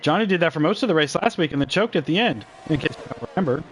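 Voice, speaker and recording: A man doing live play-by-play commentary on a sim race, joking and switching quickly between calling the action and banter with his co-host. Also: fairly high pitch, animated, slight background noise.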